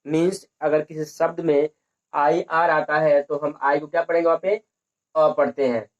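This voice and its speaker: Repetitive teacher. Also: male voice, on the high side, steady tone, moderate pace, lo-fi sound. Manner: repetitive, asks and answers his own questions. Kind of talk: lesson on English pronunciation.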